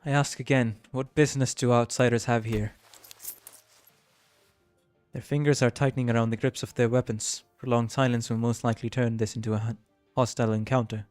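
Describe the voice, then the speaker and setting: A man in the middle range of pitch, talking through a game stream in a loose, chatty way, often laughing and stumbling over tricky words as he reads lines out. The sound is dry and close, with faint music underneath. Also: little pitch movement, fairly quick, darkish tone, no room sound. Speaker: livestreamer. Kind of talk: casual game stream, reading dialogue aloud.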